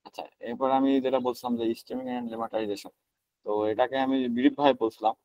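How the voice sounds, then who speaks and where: Fast-talking man giving a slide lecture. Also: medium pitch, fairly even intonation, mellow, no echo, muffled recording. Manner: conversational, many fillers and self-corrections.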